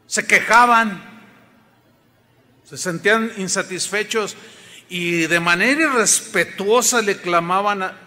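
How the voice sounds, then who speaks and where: High, bright-voiced pastor preaching. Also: male voice. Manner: emphatic, often asks the congregation questions. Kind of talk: sermon. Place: church sanctuary. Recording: long reverb of a large hall.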